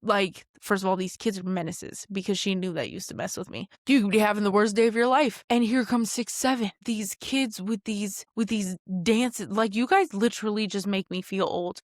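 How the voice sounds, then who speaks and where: A woman in her late twenties hosting a podcast alone, in a chatty, animated manner full of asides. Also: moderate pace, few pauses, no echo, clean studio sound. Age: 20s. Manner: chatty, animated, frequent asides and jumps in pitch. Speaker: podcast host. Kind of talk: casual solo podcast monologue.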